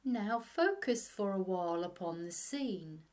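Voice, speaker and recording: Slow, hushed woman guiding a meditation. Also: mid-range voice, animated. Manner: slow, hushed, unhurried, with long pauses. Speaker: meditation guide. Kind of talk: guided meditation narration, soothing like a sleep story narrator.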